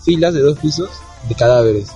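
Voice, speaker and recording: A man's voice: a little high, a little fast, highs cut off, music in the background. A young man with a Peruvian Spanish accent, chatting casually and using slang. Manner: relaxed and slangy, chiming in. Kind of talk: casual chat.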